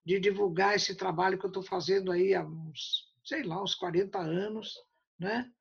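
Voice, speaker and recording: A woman's voice: medium pitch, moderate pace, vocal fry, breathy edge, highs cut off. An older woman, a guest in an interview, talking in a chatty storytelling way and often ending with tag questions. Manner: storytelling, tag questions, acts out quoted dialogue. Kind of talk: casual interview talk.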